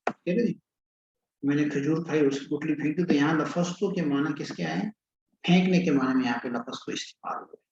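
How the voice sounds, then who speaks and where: A male teacher lectures patiently, explaining each point step by step and asking questions as he goes. His voice sits a little high. The recording is dull and lo-fi, with room echo and a faint hiss behind him. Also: darkish tone. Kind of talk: classroom lecture on grammar.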